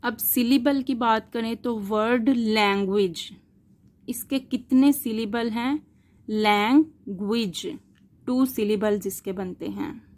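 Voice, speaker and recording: Slow, deliberate woman teaching linguistics. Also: fairly high pitch, a little mellow. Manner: slow, deliberate, spells out examples letter by letter; asks the listener questions and answers them. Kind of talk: explanatory lecture.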